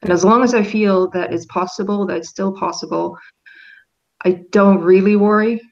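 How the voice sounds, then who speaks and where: Heard on a lo-fi recording, this interview guest from Finland has a creaky, medium-pitched voice with fairly even intonation and a normal speed. She thinks aloud in a relaxed chat, frequently pausing and starting her sentences over.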